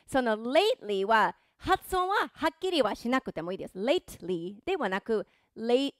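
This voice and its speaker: A woman's voice: fairly high pitch, sing-song, normal speed, dry recording, clean studio sound. A woman teaching English pronunciation through a song, speaking in an encouraging, playful way and joking about her own voice. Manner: encouraging, playful, self-deprecating. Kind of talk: pronunciation and singing lesson.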